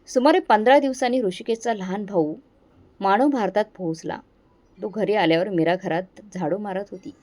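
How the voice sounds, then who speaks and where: A woman narrating a moral story in a steady, dramatic scripted reading. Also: mid-range voice.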